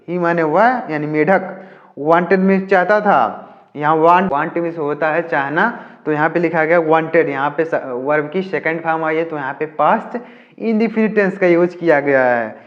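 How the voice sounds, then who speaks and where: Guy teaching english off a story, reads it slow then explains each word fast in hindi, kinda high voice, muffled lo-fi sound.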